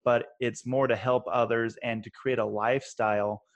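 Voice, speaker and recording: A man's voice: medium pitch, little pitch movement, moderate pace, muffled recording. Male host in his thirties, friendly and affirming, mid-range voice. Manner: friendly, affirming, stacks up questions. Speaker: podcast host, investor. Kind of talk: conversational interview.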